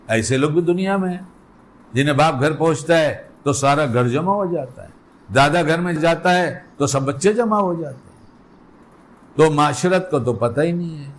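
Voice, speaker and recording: A man's voice: a little high, a little hiss or hum. A man delivering an Islamic sermon in a colloquial way, putting rhetorical questions to his listeners. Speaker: preacher.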